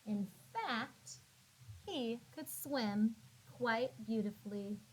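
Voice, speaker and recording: A woman reads a children's storybook aloud like a classroom teacher, expressively, stretching out words and adding dramatic emphasis for young listeners. Her voice is on the high side, and the low-quality recording has a little hiss or hum.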